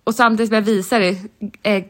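Podcast co-host, woman, higher voice, lively storyteller who laughs a lot. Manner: animated storyteller, often breaks into laughter. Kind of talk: casual chat.

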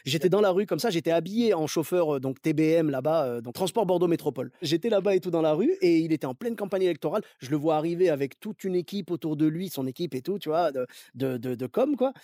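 Homme rapide à la voix sombre. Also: male voice, on the high side, expressive, dark tone, no echo, studio quality. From Clermont-Ferrand, France. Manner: chatty, anecdotal storytelling. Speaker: podcast host. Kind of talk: casual conversation. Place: outdoors in a cemetery.

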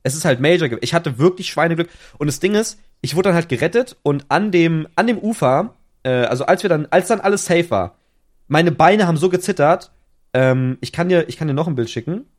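Young male podcast co-host, slang-heavy storyteller, slightly high voice, lots of self-corrections. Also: animated, a little fast. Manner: slangy, restless retelling with many restarts. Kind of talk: casual chat, storytelling.

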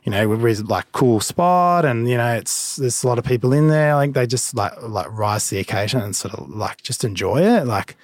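Aussie guy, tradie-type blokey chat, lots of stop-start fillers, dry sound, mid pitch. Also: animated, no room sound. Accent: Australian. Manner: halting, rambling, filler-heavy. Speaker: cafe business owner, interview guest. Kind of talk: casual chat.

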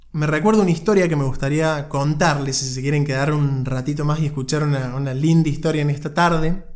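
A man's voice: a little high, darkish tone. A man co-hosting a podcast, giving an earnest motivational talk and telling a story, speaking directly to the listener with frequent restarts. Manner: frequent restarts and repeated words. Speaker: podcast co-host.

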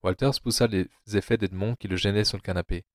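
A man narrating an audio drama adaptation of a novel in a low, steady storytelling voice. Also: fast talker, dry recording, clean studio sound.

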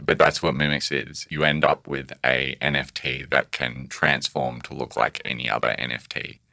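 A man whose voice has been disguised and pitched very deep, explaining an NFT project in a casual interview, thoughtful and halting, with restarts. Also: little pitch movement, gravelly, sharp tone, no echo, clean studio sound. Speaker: pseudonymous NFT project creator.

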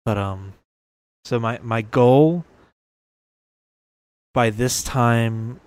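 A man's voice: mid-range voice, drawn-out words, a little mellow, no echo. A young man in his early twenties hosting a casual solo podcast, rambling and correcting himself, laughing at his own remarks. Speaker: podcast host.

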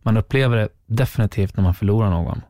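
Radio guy guesting on a podcast, mellow voice, musing, says words twice. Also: on the low side, dry recording, clean studio sound. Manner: reflective, repeats words for emphasis. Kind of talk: casual podcast chat.

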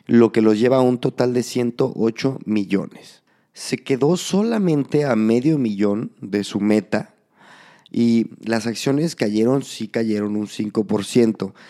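A man presents news in a casual, conversational podcast style. His voice is dark and soft-edged, with a gravelly hoarseness from a slight cold. He speaks straight to the listener, often checking in with little tag questions. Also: mid-range voice. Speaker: podcast host.

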